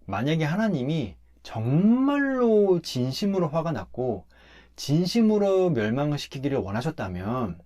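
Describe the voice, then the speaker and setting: A man, a pastor, talking through a Bible passage in a relaxed conversational way, emphatic as he explains step by step. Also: a little high, measured pace.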